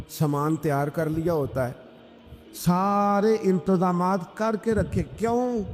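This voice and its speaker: A man delivering an emphatic, rhythmic sermon, repeating phrases and reciting Arabic verses. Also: on the high side. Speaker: Islamic preacher. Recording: echoey hall, noisy.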